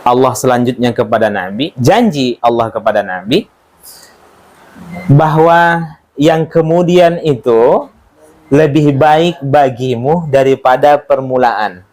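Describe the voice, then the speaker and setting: A man's voice: mid-range voice, slow pace, pauses often, darkish tone. Man teaching a casual Quran study. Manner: informal, joking, asks the audience questions. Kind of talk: religious study lesson.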